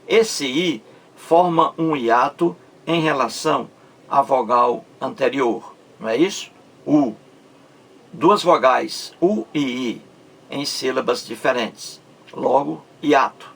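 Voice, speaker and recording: A man gives a patient grammar lesson, speaking very slowly with a gravelly, slightly husky voice. He stretches words out syllable by syllable and keeps checking that his listeners follow. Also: mid-range voice, a bit bright. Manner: slow, stretches out words syllable by syllable, asks rhetorical check-ins. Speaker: Portuguese grammar teacher. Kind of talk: explanatory video lesson.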